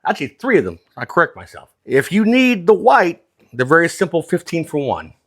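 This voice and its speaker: Higher-voiced man teaching craps dealing. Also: huge pitch swings, a little fast, fairly bright tone, breathy edge. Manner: explains step by step, plain-spoken. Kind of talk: hands-on casual instruction.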